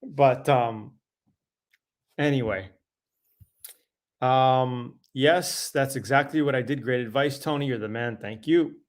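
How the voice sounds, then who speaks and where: A man's voice: mid-range voice, slow, long pauses. A middle-aged man hosting a casual live Q&A, answering viewer questions in a loose, conversational way with fillers and self-corrections.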